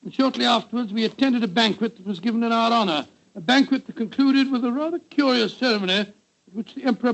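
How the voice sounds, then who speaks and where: An actor playing a blustery, bumbling older English doctor who tells stories in a 1940s radio drama. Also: male voice, extremely high pitch, vocal fry, highs cut off.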